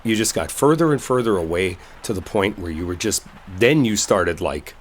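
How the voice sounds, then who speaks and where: A male actor with a deep voice leads a one-sided, intimate roleplay audio as a smitten, sincere office colleague trying to fix a misunderstanding. His confession is colloquial and halting, flustered and pleading, with lively intonation, while a faint rainstorm and slight background noise sit underneath.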